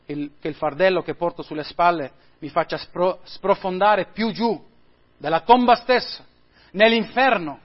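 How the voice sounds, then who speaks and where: Fearful pilgrim bowed under his burden, pleading and crying out in a high voice, read by a man; lo-fi recording. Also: a little slow. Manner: pleading, rising cries. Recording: dull lo-fi sound.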